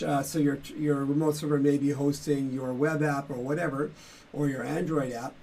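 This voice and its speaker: Gravelly-voiced man demoing software. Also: fairly high pitch. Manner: relaxed, explains step by step with fillers. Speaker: software developer demoing his tool. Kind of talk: casual tech demo walkthrough.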